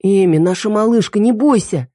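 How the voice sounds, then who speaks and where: A woman's voice: mid-range voice, lively intonation, moderate pace, mellow, dry recording, studio quality, voice pushed up, natural voice. A woman voicing a protective young man in an audiobook, urgent and comforting.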